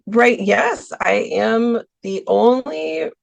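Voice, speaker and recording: Gravelly-voiced woman, chatty with many ums. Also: mid-range voice, animated, very slow. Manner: hesitant, many ums, laughs often. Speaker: podcast guest, art teacher for seniors. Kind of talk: casual interview talk. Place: Milwaukee, US.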